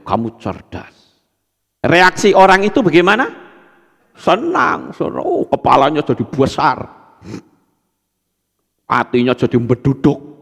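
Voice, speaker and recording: A male pastor preaching a sermon to a congregation, calling out to them and acting out quoted remarks in a soft, low voice. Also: in a large hall.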